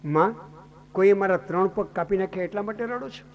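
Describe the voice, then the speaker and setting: A man's voice: high voice, brisk, dull audio, a little hiss or hum. A man voicing a lame bull, dharma, who anxiously questions his weeping mother cow in a story sermon. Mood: pleading. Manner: pleading, questioning.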